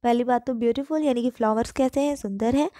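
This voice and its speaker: A woman teaching English grammar in Hindi. She reads the English example sentences slowly and clearly. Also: a little high, warm tone, no room sound, clean studio sound. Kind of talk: online grammar lesson.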